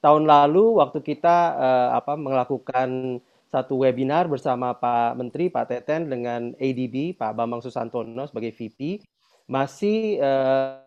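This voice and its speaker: A man's voice: medium pitch, normal speed, smooth. Man on a choppy, cutting-out video call. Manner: effusive, many fillers. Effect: choppy internet call audio that keeps cutting out. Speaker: webinar moderator. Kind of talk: casual online webinar hosting. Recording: dull lo-fi video-call audio.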